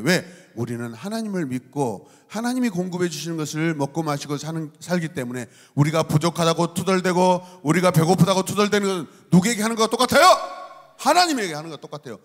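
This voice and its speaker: A man's voice: fairly high pitch, in a large hall. A male pastor preaching a youth sermon, teasing and playful, acting out little voices. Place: church sanctuary.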